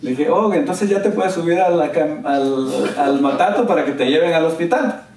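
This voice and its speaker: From a distance, with roomy church acoustics, a man delivers a pastor's sermon full of stories. His pitch is fairly high and his speed normal; he animates the tales by quoting people with a raised, excited voice.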